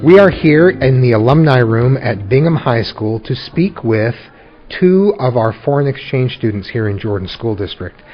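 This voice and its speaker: A man, a school district superintendent, hosts a podcast and interviews guests in a high school room, with a measured, friendly manner. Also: lively intonation, breathy edge, lo-fi sound, faint music behind. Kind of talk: scripted intro, then interviewing guests.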